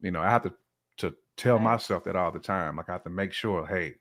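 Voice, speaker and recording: Speaking briskly in a low-pitched, slightly bright voice, a middle-aged man shares his thoughts on relationships as a guest on a casual podcast. He talks reflectively and colloquially.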